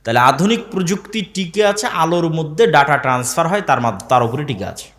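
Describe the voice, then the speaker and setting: A man's voice: a little high, lively intonation, brisk, a bit bright. A man preaching a sermon to a live audience, asking the crowd questions and repeating key phrases. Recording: long hall reverb.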